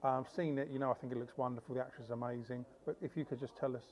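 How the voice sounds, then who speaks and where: A man's voice: mid-range voice, fairly even intonation, very fast, a little mellow. A man interviewing a filmmaker at a film festival, chatty and jokey, often rephrasing his questions mid-sentence.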